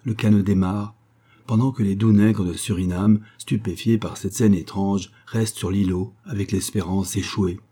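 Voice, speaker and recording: Man, audiobook narrator, steady dramatic reading, dark husky tone. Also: on the low side, moderate pace.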